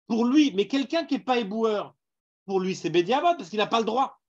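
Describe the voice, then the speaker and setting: A man's voice: sits high, expressive, moderate pace, lo-fi sound. A man with a Parisian accent teaching a Talmud class, putting questions to his students and mixing in Hebrew terms. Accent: Parisian French.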